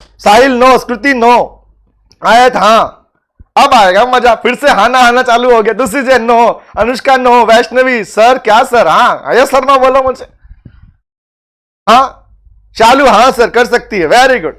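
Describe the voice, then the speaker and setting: A man's voice: very high-pitched, slow, fairly bright tone. A man teaching a live online law class, teasing and calling on students by name, repeating phrases for emphasis.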